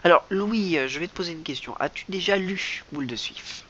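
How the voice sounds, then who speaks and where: A comic vlogger with a brisk, slightly bright voice that sits high rambles through a mock-serious improvised monologue, stammering and repeating himself. It's recorded lo-fi with faint hiss.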